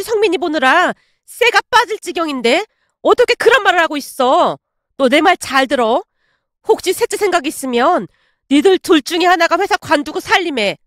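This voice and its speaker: A woman voicing a blunt middle-aged mother who scolds and shouts at her daughter-in-law. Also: extremely high pitch, no echo, clean studio sound, pitched above the performer's own voice.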